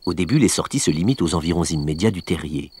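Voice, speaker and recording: Low-voiced man narrating a nature documentary. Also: animated, a little mellow, a little hiss or hum. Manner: measured, explanatory storytelling.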